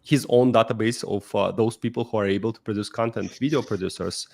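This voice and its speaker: A man's voice: lowish voice, fairly even intonation, brisk, creaky, darkish tone. A man from Russia with a Russian accent, telling his life story as a podcast guest, with many fillers and restarts. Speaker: guest, startup founder. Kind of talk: casual interview.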